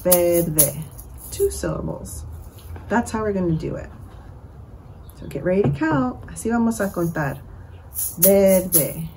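A woman leading a bilingual children's storytime, switching between English and Spanish and drawing out words slowly to count syllables. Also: fairly low pitch, warm tone, a little hiss or hum, rough recording. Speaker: children's librarian. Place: library.

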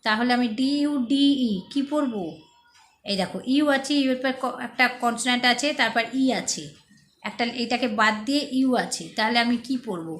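A woman's voice: fairly high pitch, a bit bright, slight background noise. Woman teaching with a roomy echo. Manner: patient, repeats words slowly, asks if students understood. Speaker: English pronunciation teacher. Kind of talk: explanatory teaching, spelling out words letter by letter.

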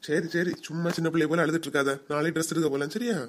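An actor voicing a gentle, doting middle-aged father in a cartoon comedy, with a Kanyakumari Tamil accent and a coaxing, soothing way of talking. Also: mid-range voice, fairly even intonation, racing, slight background noise, lightly acted.

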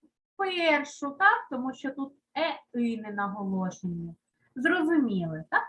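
High, lively woman teaching children. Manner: slow, clear dictation of words to children. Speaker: primary school teacher. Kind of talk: children's lesson. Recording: dull lo-fi sound.

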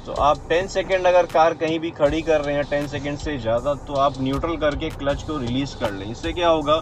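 A man's voice: fairly high pitch, a little fast. A man explaining clutch use step by step while he drives, with fillers and restarts. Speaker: driving instructor. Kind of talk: casual in-car driving tutorial. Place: inside a car on a city road. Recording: car and road noise behind.

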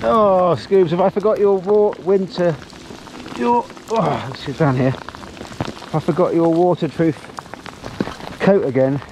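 With a high pitch and a measured pace, a middle-aged man pauses often as he chats to the camera and his dog during a ridge hike. It's casual outdoor vlog commentary shot on a pole-mounted action camera, with a noisy background.

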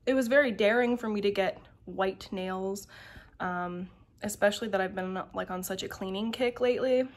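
A woman's voice: medium pitch, normal speed. Rambling young Midwestern woman. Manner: meandering, full of ums and likes. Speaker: vlogger. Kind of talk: casual chat to camera. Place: at home in her bedroom.

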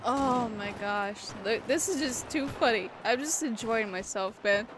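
Giggly woman streamer, slow-paced chatter, faint room noise behind. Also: on the high side. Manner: giggly, exclamatory, amused. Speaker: gaming channel host. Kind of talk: laughing live gameplay commentary.

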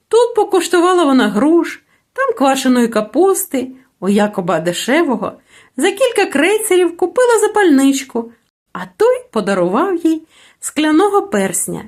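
A woman narrating a children's fairy tale aloud, her reading animated and expressive. Her voice sits high and swings widely in pitch, shaping every sentence for young listeners. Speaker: audiobook narrator. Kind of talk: storybook narration.

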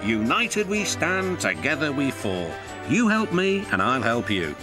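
Brief: proud big storybook engine, grand delivery, voiced by a man, loud music bed. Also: fairly high pitch, big pitch swings, moderate pace. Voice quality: grand, boastful. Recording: narration over loud music.

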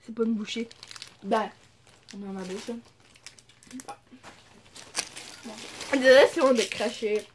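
A woman's voice: on the high side, a little slow, long pauses, a little hiss or hum. A woman with a Quebec French accent chatting casually in a candy taste-test vlog, her mouth full of candy as she talks in an offhand, giggly way. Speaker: vlogger.

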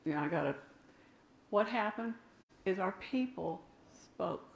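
The sermon comes from an older woman whose gravelly voice sits at medium pitch, slow but with lively intonation. She preaches with emphasis and turns aside to address the congregation in the pews. Echo from the church room fills the sound.

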